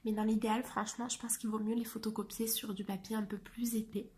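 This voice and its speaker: Soft-spoken woman, half-whispered review. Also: fairly high pitch, level tone, quick pace, slight background noise. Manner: soft, often half-whispered chatty delivery; hesitant, with frequent fillers. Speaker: YouTuber reviewing a coloring book. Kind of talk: casual book review.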